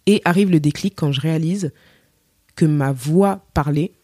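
A young woman from Cameroon, a singer, chatting as a podcast guest and telling her story with lively acted-out quotes and many fillers. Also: low-pitched, normal speed, dry recording, clean studio sound. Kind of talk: casual interview chat.

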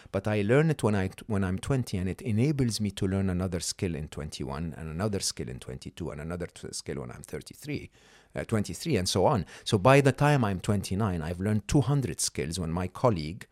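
Low and darkish, this man's voice moves fairly quickly as he, a middle-aged non-native English speaker, guests on a podcast. He coaches conversationally, explaining emphatically and often tossing in "okay?" and "hmm?" for the listener. The studio-quality audio has no echo.

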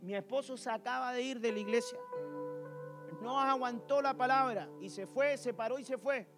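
A man's voice: extremely high pitch, moderate pace, over music. A man preaching a sermon to a congregation in a church, telling stories and firing rhetorical questions at the listeners.

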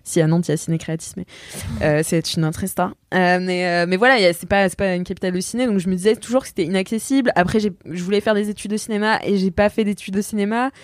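A woman's voice: mid-range voice, fairly even intonation, fast, dry recording, studio quality. Hesitant French woman podcast co-host. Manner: hesitant, many fillers. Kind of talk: casual chat.

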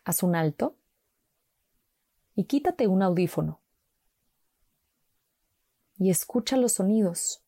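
A woman slowly guiding a mindfulness walk with calm, gentle instructions and long pauses. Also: mid-range voice, no room sound, clean studio sound. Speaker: meditation guide.

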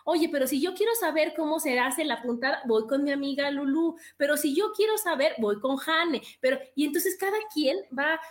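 A woman's voice: high voice, animated, normal speed, hardly any pauses. A woman hosting a casual chat, talking in an enthusiastic, encouraging way. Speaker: host.

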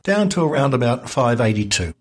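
Lively man explaining history. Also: mid-range voice, fairly quick, slightly rough. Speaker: guest history podcaster. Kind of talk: casual history chat.

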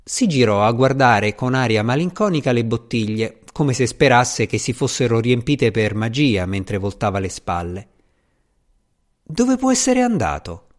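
A man narrating a novel in a measured storytelling delivery. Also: mid-range voice. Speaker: audiobook narrator. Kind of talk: scripted narration.

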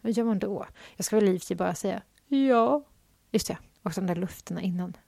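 A woman's voice: mid-range voice, vocal fry, dark tone, dry recording. A woman hosting her own podcast, rambling chattily and questioning herself as she talks. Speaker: podcast host. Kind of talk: casual solo podcast monologue.

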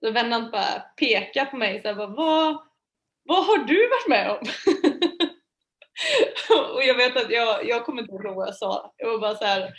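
A woman guest telling a personal story in a lively, chatty way, laughing often and using many fillers. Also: medium pitch. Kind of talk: casual storytelling.

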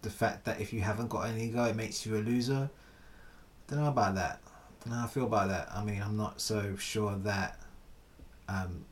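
A man's voice: on the low side, fairly even intonation, moderate pace. A man in a casual philosophical chat, thinking aloud with hesitant restarts.

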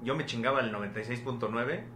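A man's voice: mid-range voice, fast. A Mexican man co-hosting a casual podcast, bantering with jokes and slang. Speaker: podcast co-host. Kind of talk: casual chat. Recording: echoey room with noticeable hum.

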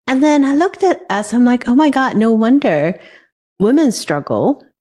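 A woman from Hong Kong hosting a podcast, speaking in an animated way and acting out bits of quoted conversation. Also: on the high side, normal speed. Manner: animated, acts out quoted dialogue. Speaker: podcast host. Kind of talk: casual podcast interview.

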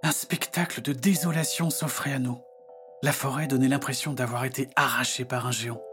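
A man's voice: medium pitch, steady tone, fairly quick, a bit bright, soft background music. Man narrating a storybook tale.

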